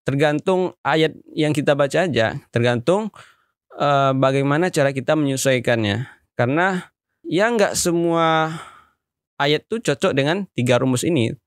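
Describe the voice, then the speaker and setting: A man explaining recitation melody in a relaxed, friendly tutorial way. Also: a little high, measured pace, long pauses, no room sound, clean studio sound. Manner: relaxed, plain, speaks to viewers as friends. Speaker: recitation teacher.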